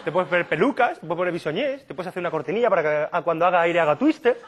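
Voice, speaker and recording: A man from doing a stand-up comedy monologue, telling absurd stories in a deadpan way and slipping into quick silly impressions. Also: sits high, background noise. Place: comedy stage before a live audience.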